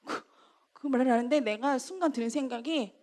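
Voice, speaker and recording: A woman evangelist telling a story in a sermon, acting out scolding lines in loud, lively bursts. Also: sits high, fairly quick. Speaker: evangelist preaching.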